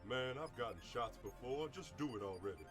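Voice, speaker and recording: A mid-pitched male voice with loud music behind. A man acts out an impatient survivor in a video game, offhand and brusque. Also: expressive, brisk, natural voice.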